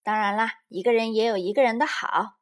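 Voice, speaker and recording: A calm and wise mother bear in a children's storybook, speaking patiently and gently. A woman plays her in a slightly raised, soft voice. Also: a little high, brisk, close to an everyday voice.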